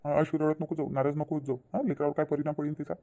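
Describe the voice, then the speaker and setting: A voice actor plays a gentle, trusting cartoon husband who calms and reassures his wife. The voice is dark and mellow, and the words tumble out very fast. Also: medium pitch, natural voice. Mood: reassuring. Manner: soothing, reassuring. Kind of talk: cartoon voice acting.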